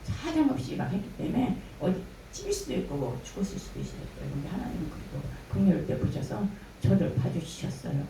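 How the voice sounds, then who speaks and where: An older woman giving a spoken church testimony, telling her story with lively storytelling and acting out the words of others. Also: medium pitch, fairly quick, gravelly, few pauses. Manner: animated storytelling, acting out quoted dialogue. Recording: echoey room from a distance, faint noise.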